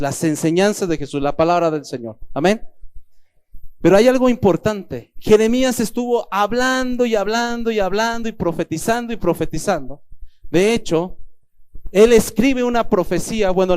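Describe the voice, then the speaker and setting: Male pastor, high voice, lively sermon delivery, talks straight to the congregation. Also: smooth. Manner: animated preaching, acts out quoted voices.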